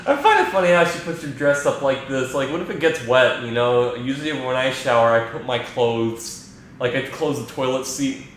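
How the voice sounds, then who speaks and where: A man's voice: mid-range voice, animated, normal speed, a bit bright. Rambling young man in an echoey room. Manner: rambling, filler-heavy, crude. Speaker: let's play commentator. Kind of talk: casual gaming commentary. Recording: very echoey room, faint noise.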